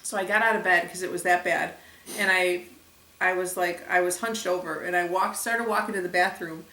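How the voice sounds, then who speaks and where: A young woman vlogger chatting casually to the camera, retelling events with lively acted quotes. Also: fairly low pitch, normal speed, distant mic. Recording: echoey room, a bit off mic.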